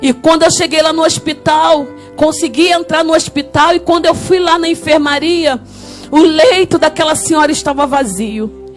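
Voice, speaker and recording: A woman's voice: high voice, moderate pace. Fervent Brazilian woman preaching with music. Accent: Brazilian Portuguese, Rio de Janeiro. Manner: fervent, shouting and tearful at peaks. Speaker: guest preacher. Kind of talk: emotional testimony sermon. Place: church.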